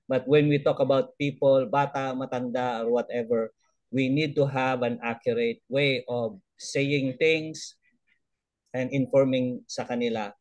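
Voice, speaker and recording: A man's voice: medium pitch, fairly even intonation, measured pace, darkish tone, dry recording. A man, sharing a report in a casual video-call talk, mixing in English, chuckling and restarting his phrases. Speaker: elder trainee sharing a report.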